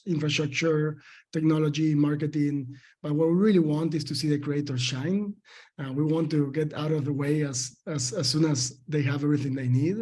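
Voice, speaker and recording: A man's voice: on the high side, mellow. A man from Argentina with an Argentine Spanish accent, a company founder answering interview questions thoughtfully, with many fillers and restarts.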